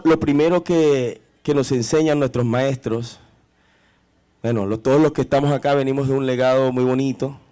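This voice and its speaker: A man's voice: medium pitch, warm tone. A man with a Colombian Caribbean Spanish accent giving a public talk as a musician and host, in reverent, rhetorical phrasing. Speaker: musician and host presenting his group. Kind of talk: public talk introducing cumbia tradition.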